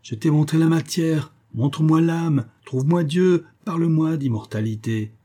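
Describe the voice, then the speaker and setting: A grieving old professor from a storybook, mournful and brooding, as read by a man. His voice sits low and dark, with a husky edge. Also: measured pace. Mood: fierce. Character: grieving old male professor, obsessed with matter.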